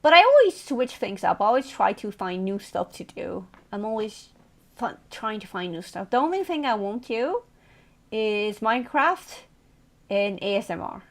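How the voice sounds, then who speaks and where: A woman's voice: medium pitch, big pitch swings, normal speed. A woman streamer chatting casually with her viewers, playful and teasing, laughing often.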